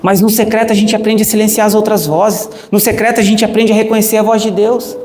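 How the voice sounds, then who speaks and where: A man's voice: high-pitched, little pitch movement, fast talker, a little mellow. Brazilian pastor guy preaching, emphatic, quizzes the church, echoey hall w faint hiss. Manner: emphatic, asks the congregation questions. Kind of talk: sermon.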